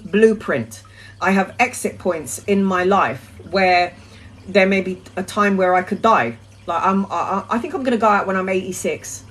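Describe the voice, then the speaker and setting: A woman's voice: medium pitch, poor audio. A middle-aged woman chatting casually on a live stream, answering viewers' questions as a tarot reader in a blunt, sweary, rambling way.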